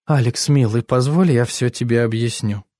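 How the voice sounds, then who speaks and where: A man's voice: mid-range voice, moderate pace, mellow, no echo, studio quality, natural voice. A man voicing a young woman in an audiobook, who pleads and then turns indignant. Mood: pleading. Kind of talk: audiobook character voice.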